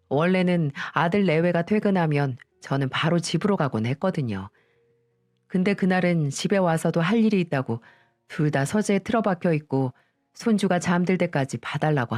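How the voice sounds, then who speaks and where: A woman's voice: lowish voice, a little mellow, no room sound. An older woman narrating her own story on story radio, indignant, turning to speak to her listeners directly, in a dry recording with faint music.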